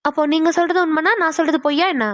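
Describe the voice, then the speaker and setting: A woman's voice: very high voice, fairly even intonation, no echo. A woman voicing a chatty young office girl. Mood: protesting. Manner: chatty, quick to protest. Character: chatty young female office worker, easily flustered. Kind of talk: cartoon voice acting.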